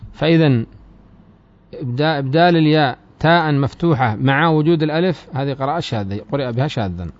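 A man with a fairly high voice teaches a classical grammar lesson, reading the text slowly and deliberately. He then explains it in quicker, quieter asides and puts questions to his students. The recording is dry and close, with a dull, lo-fi sound. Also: no echo.

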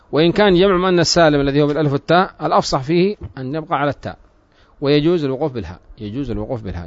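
Male grammar teacher, fast lecture, repeats himself, asks the class questions, dull lo-fi recording. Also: on the high side, no room sound. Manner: reads the text aloud, then explains it with questions to the students; repeats himself and restarts phrases.

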